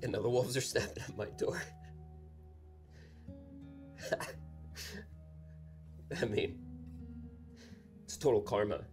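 An actor playing a guilt-ridden, self-loathing man in a film drama, desperate and halting, with stammered pleas. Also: mid-range voice, lightly acted. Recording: prominent music behind the voice.

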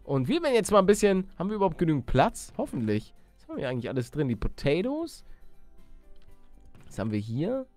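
A young let's play host gives casual, slangy video game commentary, animated and chummy with his viewers. His voice is a little high and fast, with no echo and faint background music.

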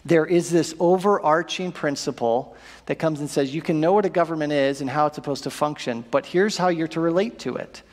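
A man in his thirties preaching a sermon from a church stage, animated and asking the congregation rhetorical questions. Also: on the high side, fairly quick. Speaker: pastor. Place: church auditorium stage with audience. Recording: long reverb of a church hall.

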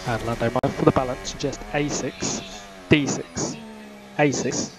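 A man speaks as a race engineer over team radio in a race car. His instructions come in short, clipped phrases, with key calls repeated. Car noise sits clearly behind the radio sound. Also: mid-range voice, steady tone, measured pace.

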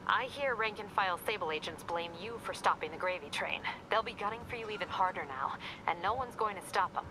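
A woman playing a brisk police captain. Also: mid-range voice, close to an everyday voice, poor audio. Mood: businesslike. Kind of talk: game cutscene acting.

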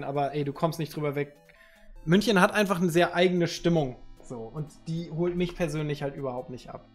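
A streamer from Northern Germany in his thirties chats loosely with his viewers, cracking jokes in slang while reading their messages out loud. His voice is a little high for a man, and a headset mic picks him up in a room at home with faint music in the background.

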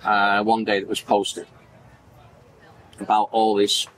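A man's voice: lowish voice, slow pace, low-quality recording. A man in his forties with a Manchester accent, a podcast guest telling stories animatedly and acting out the voices in them. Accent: Manchester English. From Manchester, England. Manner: animated, acts out quoted dialogue, gestures widely. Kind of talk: casual storytelling interview. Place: indoor event backdrop at a farmers market.

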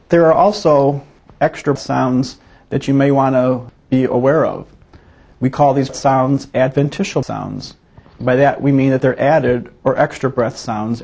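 Man, physician instructor, medical teaching demonstration, gravelly, husky, methodical. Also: mid-range voice, a little mellow. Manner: methodical, explanatory.

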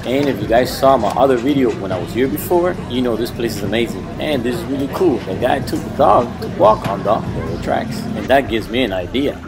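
A man's voice: medium pitch, lively intonation, fairly quick, hardly any pauses, over loud music. Chatty man vlogging from a boat. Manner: upbeat, chatty, talks to viewers directly. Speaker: vlogger host. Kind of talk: casual vlog narration. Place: outdoors on a boat at a shallow sandbar.

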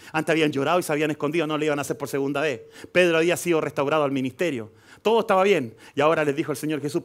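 A male pastor with a Chilean accent delivers a live sermon in a church. His voice sits a little high for a man. He drops to quiet asides and then rises to loud, emphatic preaching. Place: church hall.

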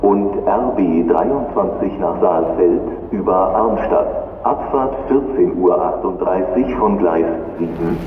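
A man making formal, measured scripted announcements as a German railway station announcer. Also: sits low, phone-quality sound. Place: train station hall, heard over public address. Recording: distant, reverberant station loudspeaker with noise.

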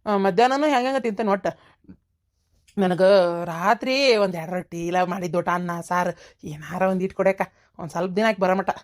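A woman's voice: on the low side, fairly quick, natural voice. Woman voicing a coaxing grown son. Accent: North Karnataka Kannada. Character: pleading grown son of the house.

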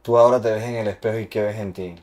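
A man's voice: lowish voice, steady tone, rapid-fire, darkish tone. A man interviewing a singer, asking probing personal questions and pressing with follow-ups. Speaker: interviewer, channel host.

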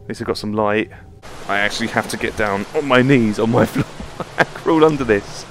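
This man talks fairly quickly in a lowish, fairly bright voice, and a little hiss or hum is audible. He's a VR channel host doing live commentary on a horror game from his home room floor, jumpy, swearing often, laughing nervously.

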